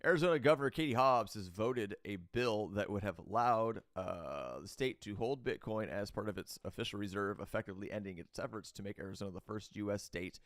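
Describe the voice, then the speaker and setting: A man's voice: on the low side, a little fast, hardly any pauses, no room sound, clean studio sound. Blunt, opinionated man reading news. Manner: loose, with frequent fillers and restarts. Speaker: host. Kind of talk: reading crypto news aloud with commentary.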